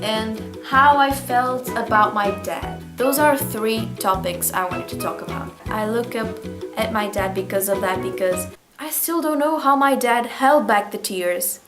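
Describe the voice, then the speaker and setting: A woman's voice: a little high, measured pace. Echoey young woman, non-native English speaker. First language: not English. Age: late teens. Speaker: vlogger. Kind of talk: casual personal vlog, reading old diary. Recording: roomy echo, music behind. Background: music.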